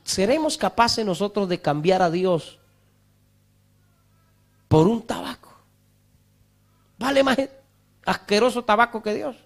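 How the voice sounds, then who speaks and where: High-voiced fervent man preaching a sermon. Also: lively intonation, unhurried, vocal fry, long pauses. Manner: fervent preaching, rising to shouts when quoting scripture; mimics wailing sinners in a mocking voice. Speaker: pastor. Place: church.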